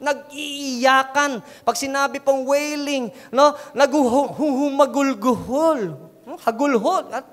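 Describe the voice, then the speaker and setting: A man with a Filipino accent preaching a sermon as pastor, animated and dramatizing the story. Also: very high-pitched, slow, few pauses, long reverb tail. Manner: switches between preaching and quoting scripture.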